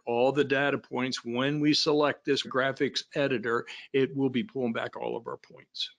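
A man's voice: medium pitch, fairly bright tone, dull audio. A man giving a technical training walkthrough over slides, in a plain explanatory way with frequent fillers and restarts. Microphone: voice-over on screen recording.

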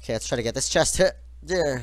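A man hosting gaming commentary with a friend, hoarse from being sick, chatty and yelping when chased. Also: medium pitch, expressive, fast talker, no room sound. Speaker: gaming channel host.

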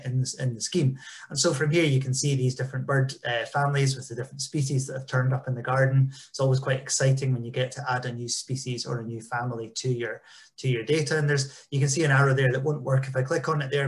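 Chatty man presenting on a video call. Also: medium pitch. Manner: chatty, informal, frequent ums. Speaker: engagement officer. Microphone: video call webcam.

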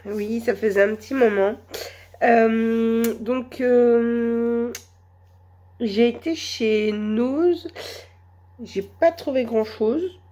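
Slow-talking woman with a cold. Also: a little high, mellow. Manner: hesitant, many fillers, slow and chatty. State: has a cold, hoarse voice. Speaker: vlogger. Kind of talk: casual shopping haul vlog.

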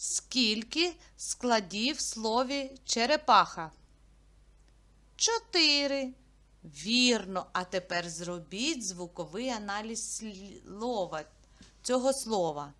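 A woman teaching a literacy lesson to young children, speaking patiently and clearly and drawing out each sound. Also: on the high side, expressive, slow pace, bright, forceful tone.

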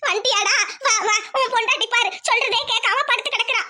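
A woman's voice: very high-pitched, fairly even intonation, fast talker, bright, forceful tone, heavily acted. A woman voicing a bossy, scolding old village grandmother in a cartoon. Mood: nagging. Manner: scolding, nagging. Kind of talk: cartoon voice acting.

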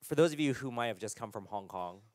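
A man preaching a sermon to his congregation, his voice sitting in an ordinary middle range. He talks casually and haltingly, full of fillers and restarts. The sound is dry and close. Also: mid-range voice, lively intonation, no room sound. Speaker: pastor.

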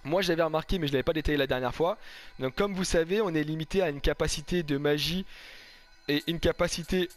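Higher-voiced man, casual game commentary. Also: quick pace, faint music behind. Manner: informal, slangy, chatty. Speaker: gaming video host.

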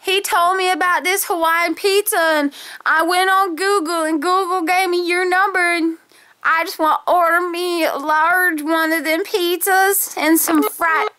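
A woman's voice: very high-pitched, fairly even intonation, pushed and bright, full character voice. A woman putting on a dithering old lady. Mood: rambling apologetic. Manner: rambling, slow, apologetic, feigns mishearing. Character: confused 87-year-old woman ordering pizza. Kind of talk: prank phone call.

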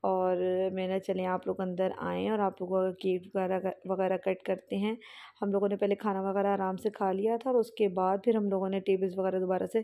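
A woman's voice: medium pitch, level tone, fairly quick, gravelly, dark tone. A young woman vlogger giving a chatty, rambling voice-over about a family outing, with fillers and restarts.

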